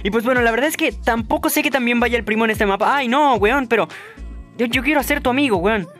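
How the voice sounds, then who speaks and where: Young male gaming host; quick, playful and hyped, bursting into shouts. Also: very high voice, soft background music. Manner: excitable, playful, addresses viewers, shouts at big moments. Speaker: gaming YouTuber. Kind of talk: energetic gameplay commentary.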